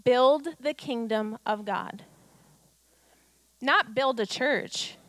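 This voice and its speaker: A woman in her thirties delivers a sermon from a church stage, her voice high and bright. She hammers home her points with rhetorical questions, acts out quotes, and stretches some words out. Her handheld mic gives a close, dry sound with no echo.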